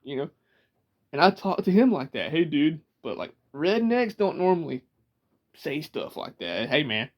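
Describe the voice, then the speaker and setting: A man from Georgia talks easily to the camera in a thick Southern drawl, his voice sitting a little higher than most men's. He rambles from one aside to the next and laughs often, recorded in a small room at home. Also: huge pitch swings, moderate pace, a little mellow. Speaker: vlogger. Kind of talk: casual talk to camera. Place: small room indoors, sitting in a rocking chair. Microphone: camera in front of him.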